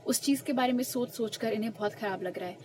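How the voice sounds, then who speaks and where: A woman's voice: fairly high pitch, a little hiss or hum, rough recording. A young woman giving a pick-a-card tarot reading, explaining each message earnestly and with emphasis. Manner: slow, soft murmured questions while shuffling cards. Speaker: tarot reader.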